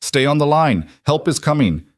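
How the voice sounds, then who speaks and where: A man voicing a federal agent who gives brisk instructions over the phone. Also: on the high side, very animated, no room sound, clean studio sound, voice pushed up.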